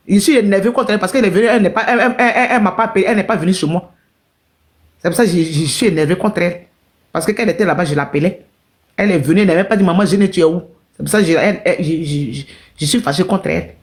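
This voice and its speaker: A woman's voice: mid-range voice, darkish tone. Emotional woman telling her story to viewers. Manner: repetitive, emotional, addresses viewers directly. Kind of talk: casual live-stream storytelling.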